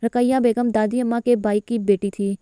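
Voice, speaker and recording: Female audiobook reader, steady novel narration, mellow and smooth, fairly high. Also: no echo, studio quality. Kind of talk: reading a romantic novel aloud.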